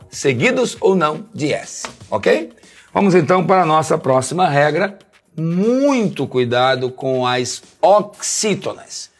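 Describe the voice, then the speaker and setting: Husky Brazilian man teaching grammar. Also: a little high. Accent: Brazilian Portuguese. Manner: didactic, keeps asking "tá certo?"; sing-song, stresses syllables slowly. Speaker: Portuguese teacher. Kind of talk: video grammar lesson.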